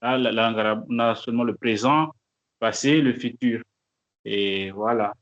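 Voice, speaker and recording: A male student answers over a video call, groping for words and restarting his sentences. His pitch is middling, and the audio is a little dull. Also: normal speed, fairly bright tone. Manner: searching for words, hesitant. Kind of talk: answering in class.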